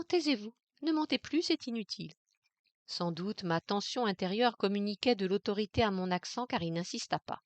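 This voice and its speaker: A woman reading a novel aloud in the first person, measured and intense. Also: medium pitch, dry recording. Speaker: audiobook reader. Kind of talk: literary audiobook narration in the first person.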